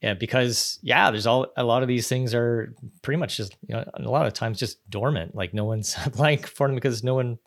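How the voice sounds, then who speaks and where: A man hosting a podcast interview, chatting in a relaxed, halting way and repeating words. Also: medium pitch, gravelly. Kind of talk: casual interview chat.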